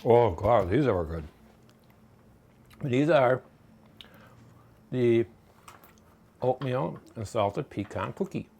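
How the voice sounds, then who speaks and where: A man's voice: mid-range voice, animated, takes it slowly, creaky, pauses often, a little mellow, husky. A man casually demonstrating a recipe in his home kitchen, chatty and folksy, rambling between steps. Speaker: home cooking vlogger.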